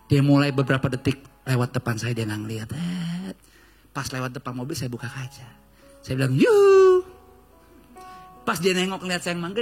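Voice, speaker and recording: A male pastor with a Jakarta Indonesian accent preaching a lively, joking sermon full of storytelling and acted-out quotes. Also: on the high side. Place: church stage.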